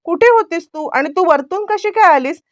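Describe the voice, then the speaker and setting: A woman's voice: very high-pitched, expressive, normal speed, dry recording, highs cut off, pitched above the performer's own voice. A woman reading the lines of a stubborn, commanding elderly grandmother in her retelling. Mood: insistent. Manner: insistent, commanding.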